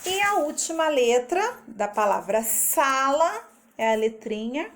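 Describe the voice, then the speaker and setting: Woman teacher, slightly high voice, explains each syllable and letter with slow, careful patience. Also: sing-song, a bit bright. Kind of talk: recorded literacy lesson for teachers.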